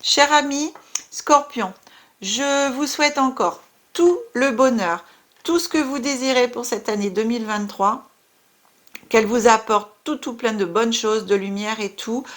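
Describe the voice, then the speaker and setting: With a slightly high voice and an unhurried pace, a French-accented woman does a relaxed tarot card reading. She's warm and talkative, packing in fillers and asides.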